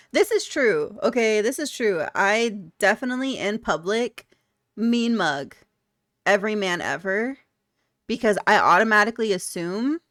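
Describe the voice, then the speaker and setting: A woman's voice: medium pitch, fairly bright tone, no room sound, studio quality. A young woman streaming live, chatting candidly with her viewers, blunt and laughing often. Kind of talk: casual chat reading viewer comments.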